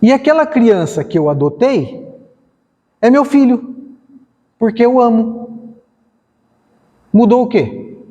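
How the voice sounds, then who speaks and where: A man's voice: extremely high pitch, expressive, slow, long pauses, mellow, lo-fi sound. A man giving a lecture at a spiritist center, talking conversationally, acting out dialogues and asking rhetorical questions. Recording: long hall reverb.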